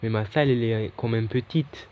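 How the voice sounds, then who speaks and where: A man's voice: medium pitch, fairly quick. A young man giving casual, chatty commentary over his own gameplay, often correcting himself as he talks. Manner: loose, chatty, self-correcting. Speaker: gaming YouTuber. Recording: dull lo-fi mic, faint hiss.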